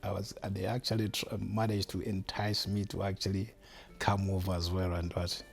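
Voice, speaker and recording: A man with a Malawian accent, answering interview questions thoughtfully with pauses. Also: sits low, flat delivery, creaky, faint music behind. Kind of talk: documentary interview.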